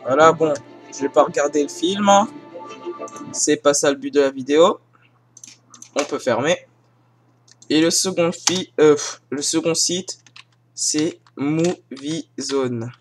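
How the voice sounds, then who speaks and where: Young male vlogger, slow and halting, a bit high-pitched, self-mocking. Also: over music. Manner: hesitant, many fillers and restarts; self-mocking, joking asides. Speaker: YouTuber showing film sites. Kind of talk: casual screen-recording tutorial. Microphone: filming with a phone held in one hand.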